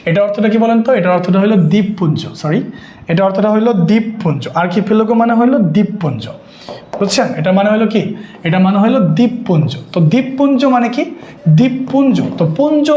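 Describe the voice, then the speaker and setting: A man's voice: sits high, expressive, fast, warm tone, reverberant, muffled recording. A man teaching a live online exam-prep class, who repeats himself and keeps quizzing his students. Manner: repetitive, questioning students constantly. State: sweaty and worn out.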